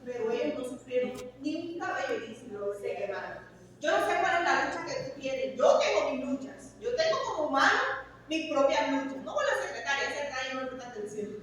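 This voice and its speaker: High-voiced woman preaching in an echoey church. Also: expressive, a little fast, a bit bright, a little hiss or hum. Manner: fervent preaching with chatty asides to the congregation. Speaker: pastor. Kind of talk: sermon. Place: church hall. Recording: echoey church hall, mic far off.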